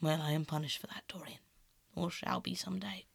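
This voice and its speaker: Female reader plays an older male artist: hushed, slow, strained, earnest and reproachful, dry sound. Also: deep voice, steady tone, creaky, breathy edge, no room sound, heavily acted. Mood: sad. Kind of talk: audiobook character acting.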